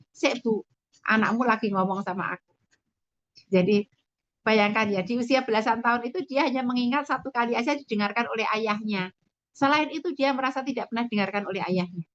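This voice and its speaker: Woman giving lively parenting advice. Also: medium pitch, no room sound. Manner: lively, acts out parent and child lines. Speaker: parenting speaker. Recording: dry, slightly dull sound.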